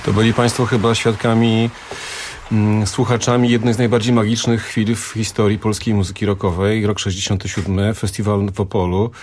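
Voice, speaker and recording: A man hosting a radio music talk show, chatting in a relaxed, hedging way. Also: on the low side, fairly quick, slight background noise. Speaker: radio host.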